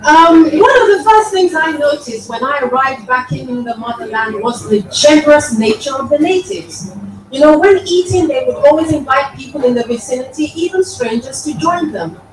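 High-voiced woman reading to an audience. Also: normal speed. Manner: lively and expressive, with dramatic quoted lines. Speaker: author reading her own work. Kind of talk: live book reading to an audience. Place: event venue with an audience. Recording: echoey room from a distance, clear music behind.

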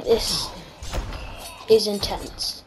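A woman hosts a gaming video, offering chatty, relaxed commentary and reacting out loud as she plays. She speaks at a medium pitch, animated yet extremely slow. Background music runs under her voice along with some background noise.

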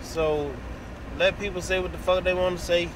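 Here a middle-aged American vlogger sits in a parked or moving vehicle cab, phone at arm's length, offering a sweary, blunt, easygoing opinion monologue. His voice sits high with little pitch movement, and he talks at a normal speed. The phone captures clear vehicle noise plus the hum of the car and air conditioning.

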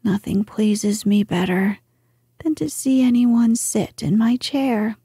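A woman's voice: fairly high pitch, slightly rough, no room sound, studio quality, full character voice. A woman whispering as a wise old grandmother. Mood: gentle assurance. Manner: slow hushed whisper. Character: ancient wise grandmother lady, gentle and calm. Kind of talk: whispered storybook reading.

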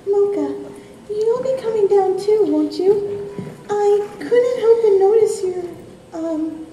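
A woman playing an excitable, bubbly young mermaid-like sea pony in a live amateur stage skit, gushing as she talks. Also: extremely high pitch, slow. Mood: excited, gushing. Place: on stage in a convention ballroom. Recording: roomy hall stage, distant camera, faint noise.

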